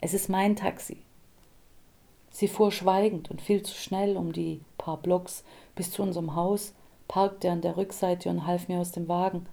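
A woman narrating an audiobook in a calm, measured way. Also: on the low side, gravelly.

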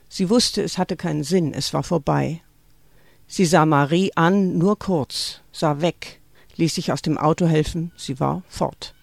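A woman's voice: deep voice, creaky, no room sound, studio quality. A woman author who reads her novel aloud expressively and then answers questions in a thoughtful, hesitant way. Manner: expressive reading, thoughtful with fillers when talking.

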